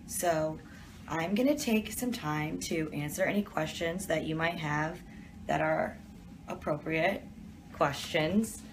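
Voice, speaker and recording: Live-streaming from an office, a young Detroit woman reads viewers' questions aloud and answers them in a relaxed, chatty way. She speaks slowly in a low voice, with background noise in the recording.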